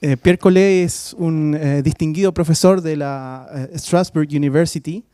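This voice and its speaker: A slightly high, slightly slow, mellow man's voice with a clean tone and no echo. He's the faculty host giving a formal introduction for a guest speaker in a university lecture hall, hesitant, using lots of filler sounds, and code-switching between Spanish and English.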